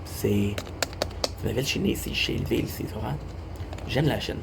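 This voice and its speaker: A man's voice: fairly low pitch, a little fast, vocal fry. A young Québécois man telling a rambling story in a casual monologue, repeating himself and swearing casually. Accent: Québécois French. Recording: noisy background hum.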